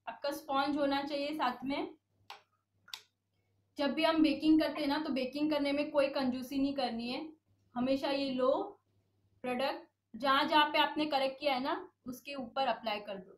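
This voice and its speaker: High-voiced woman teaching makeup. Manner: explains step by step, often checks with students. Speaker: makeup instructor. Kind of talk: online class demonstration. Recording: roomy echo, voice from a distance.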